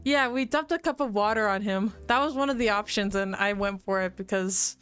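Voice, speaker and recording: A woman's voice: mid-range voice, fairly quick, a bit bright, clean tone. A woman streamer reading a visual novel aloud with commentary, giggling often between lines.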